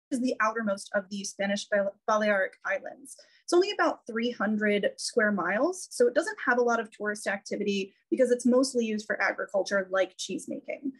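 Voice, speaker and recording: Briskly and in a husky, medium-pitched voice, a cheese educator walks through an informal educational webinar with slides. She is presenting over a video call, using its microphone.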